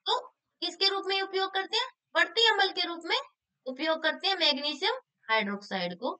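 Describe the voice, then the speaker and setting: A woman's voice: very high voice, expressive, fairly quick, bright, forceful tone. A woman teacher, explaining exam questions and answering her own questions. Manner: asks questions then answers them herself; repeats key answers for emphasis.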